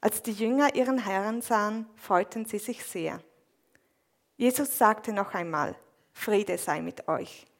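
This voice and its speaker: A woman reading a Bible passage aloud in a measured, even way, then interpreting a sermon line by line. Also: medium pitch, vocal fry. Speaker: scripture reader and interpreter.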